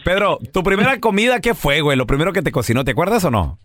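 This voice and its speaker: A man's voice: on the high side, sing-song, fast talker, a bit bright, no echo. A man hosting a comedy radio show in casual, teasing banter. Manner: playful, teasing.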